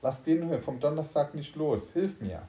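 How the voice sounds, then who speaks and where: A man voicing an agitated man in a spacesuit, a later copy of the narrator, in a read-aloud story, pitched well above his own voice and shouting in an echoey room. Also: lively intonation, normal speed, a little hiss or hum, close to an everyday voice. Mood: urgent.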